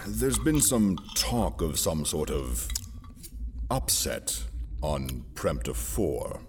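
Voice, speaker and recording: A man playing a brooding, haughty imperial governor in a sci-fi audio drama, speaking in a formal, measured, theatrical way. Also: very deep voice, very animated, background noise, heavily acted. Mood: guarded.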